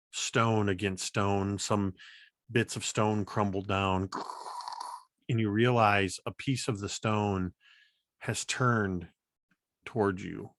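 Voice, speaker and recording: Low-voiced, slow-paced male game master. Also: fairly bright tone, no room sound, studio quality. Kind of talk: narrating a tabletop role-playing game.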